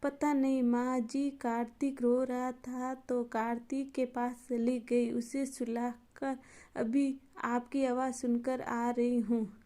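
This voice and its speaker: A woman's voice: on the high side, little pitch movement, slow pace, mellow. A woman voicing a meek, dutiful young daughter-in-law in a storybook tale, speaking politely and timidly.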